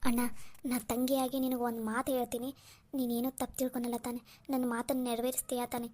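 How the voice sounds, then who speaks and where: A woman's voice: a little high, level tone, brisk, warm tone, lightly acted. A woman voicing a caring younger sister in a cartoon drama, earnest and scolding. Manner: earnest, scolding, tearful pleas.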